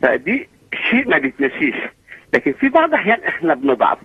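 A man's voice: sits high, wildly swooping pitch, rapid-fire, breathy edge, no echo, phone-quality sound. A man from Egypt with an Egyptian accent, calling in to share a personal testimony earnestly and quoting scripture. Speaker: caller.

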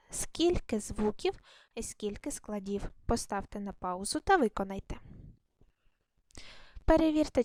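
A woman teaching a primary school class in a recorded lesson, her voice sitting a little high. She talks patiently, asks a question and then answers it herself, and stumbles now and then into fillers and self-corrections. The recording is dry and close, with no room sound. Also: darkish tone, no room sound.

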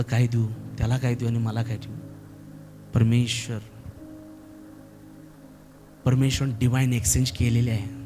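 A man with a Marathi accent preaching a sermon as pastor, impassioned and building to shouted exhortation, leading the congregation in repeated prayer lines. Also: medium pitch. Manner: leads congregation in repeated call-and-response prayer.

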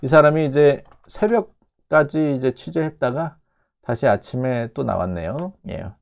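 A man teaching English, explaining a news clip line by line and repeating phrases slowly to break them down. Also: medium pitch, lively intonation, vocal fry.

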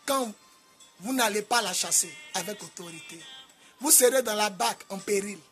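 A man with an Ivorian French accent preaching a sermon in a sing-song cadence, rising to loud shouted commands. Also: high voice, moderate pace, faint music behind. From Côte d'Ivoire. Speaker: apostle preacher.

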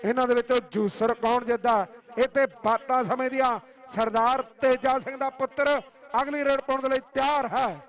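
A man's voice: very high voice, steady tone, normal speed. A man with a Punjabi accent giving live kabaddi commentary and tournament announcements, declaiming and often repeating his phrases.

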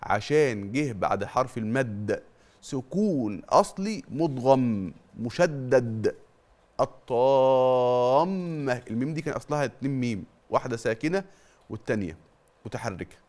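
A middle-aged Egyptian man gives a televised Quran recitation lesson in a mid-pitched voice. He quizzes the listener with quick questions and answers them himself. He draws out the long vowels slowly to demonstrate each rule. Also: lively intonation. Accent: Egyptian Arabic. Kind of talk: TV tajweed lesson.

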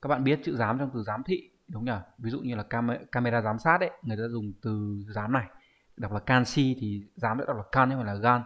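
A man's voice: medium pitch, brisk, dull audio. A man teaching an online lesson with a Vietnamese accent, explaining exam answers and often asking the viewers to confirm. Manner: explanatory, asks rhetorical checks often. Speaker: Japanese teacher.

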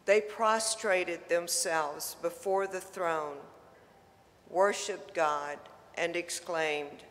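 A man reading scripture aloud as lector at Mass, slow and deliberate. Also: on the high side, fairly even intonation, a bit bright, a little hiss or hum. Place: large church. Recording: long church reverb.

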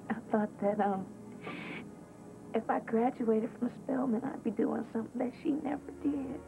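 An actress playing a teenage girl in her senior year who longs for her mother's approval, speaking haltingly and confidingly, heard from a worn VHS tape copy. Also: on the high side, vocal fry. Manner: halting, confiding, pausing to find words. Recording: muffled lo-fi worn videotape sound with faint music.

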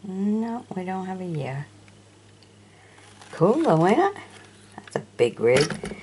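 With slight background noise, an older woman speaks slowly in a lowish, slightly mellow, very animated voice. She's filming toy vehicles from an auction at a sunny windowsill, chatting casually in show-and-tell fashion and putting questions to the viewer.

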